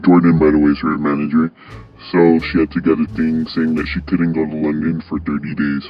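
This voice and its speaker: A man hosts a countdown video in a very deep, flat voice, reading his script plainly and stumbling now and then. The recording sounds dull and lo-fi. Soft music plays underneath. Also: a little fast. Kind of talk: read countdown narration.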